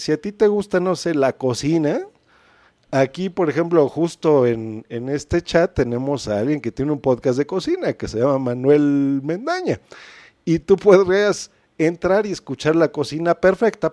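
A chatty Mexican man hosts and explains, voice a bit high and mellow. He keeps checking in with "¿no?". The sound is close and dry. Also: no room sound. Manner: chatty, asks "¿no?" often. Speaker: podcast host. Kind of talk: casual instructional chat.

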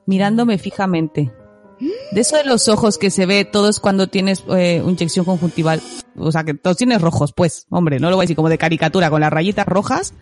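A woman's voice: on the low side, brisk, darkish tone, soft background music. A woman co-hosting a podcast who chats casually, acts out scenes in her stories and laughs often. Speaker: podcast co-host. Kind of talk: casual chat, storytelling.

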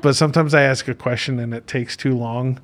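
A man's voice: mid-range voice, fairly even intonation, a little fast. A man hosting a casual podcast interview, talking in a chatty, jokey, informal way. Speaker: podcast host. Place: podcast studio.

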